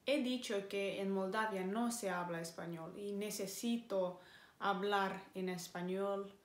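Slow, careful Moldovan woman vlogger. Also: medium pitch. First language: Romanian. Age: 20s. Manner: careful, deliberate, with small pauses and fillers. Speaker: vlogger and English teacher. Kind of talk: casual vlog talk to camera. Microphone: camera mic. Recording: echoey room.

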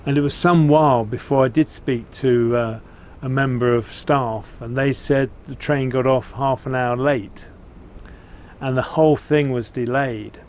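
Older english guy vlogging outside, chatty n unhurried, medium pitch, bit of background noise. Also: steady tone, darkish tone. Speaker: vlog host. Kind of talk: casual chat to camera, recounting a trip. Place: outdoors, seated beside a narrowboat. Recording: clear outdoor ambient noise.

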